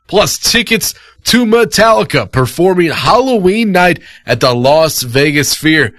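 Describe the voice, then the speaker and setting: Smooth, lively man as radio host. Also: a little high, no echo.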